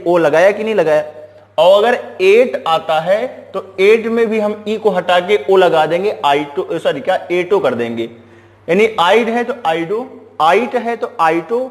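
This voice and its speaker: Male chemistry teacher, high voice, patient step-by-step lecture with rhetorical questions, recorded in a reverberant room. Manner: explains step by step, keeps asking rhetorical questions and calling students "beta". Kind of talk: classroom lecture.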